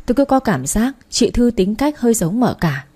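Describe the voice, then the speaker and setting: Audiobook narrator, woman; mellow and husky. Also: fairly high pitch, normal speed. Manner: steady first-person storytelling.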